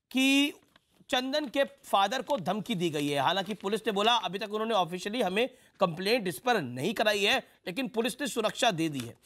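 A male news anchor with a high, raised voice keeps a noisy studio debate in line. He cuts in briskly, hands out turns and presses his questions again and again. The panelists keep talking over him. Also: fairly bright tone. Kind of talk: moderating a heated TV debate.

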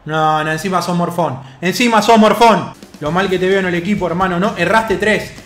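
A man's voice: high-pitched, steady tone, fairly quick, a bit bright, reverberant, soft background music. A young man with an Argentine accent commentating his own video game match, exasperated and repeating his complaints. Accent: Argentine Spanish. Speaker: gaming youtuber.

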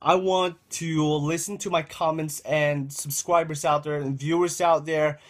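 A young gaming channel host gives casual gameplay commentary, rambling, repeating phrases and calling his viewers "guys." His voice is a little high, steady and a little slow, with a dry throat, recorded indoors on a webcam setup.

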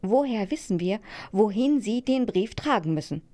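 A woman's voice: mid-range voice, animated, moderate pace, dark tone, close to an everyday voice. A woman voicing a polite, formal little male mouse in a storybook tale. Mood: earnest. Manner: courteous, formal.

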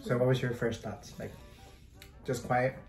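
A man chats casually while hosting an eating video with friends. He talks in a relaxed, slangy way and drops in Spanish words. His voice sits at a middle pitch, and the room adds a roomy echo. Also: a little slow, faint music behind. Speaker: host. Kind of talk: casual mukbang chat.

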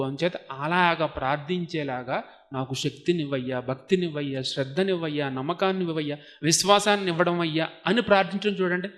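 A man's voice: high voice, fairly bright tone. A monk giving a devotional discourse to a seated audience, explaining patiently and asking his listeners rhetorical questions. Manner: recites Sanskrit verses between explanations. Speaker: monk giving a spiritual talk.

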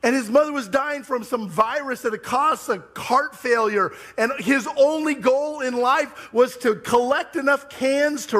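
Animated high-voiced preacher man. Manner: animated storytelling, high-pitched and wailing when retelling his tears. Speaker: pastor. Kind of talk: sermon. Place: church sanctuary.

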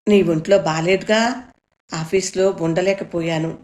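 A woman's voice: fairly low pitch, fairly even intonation, a little slow, a little mellow, reverberant, close to an everyday voice. A woman voicing an anxious, caring middle-aged mother who fusses over her daughter, raised a little above her own reading voice. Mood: reassuring. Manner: fretful and fussing, then soothing.

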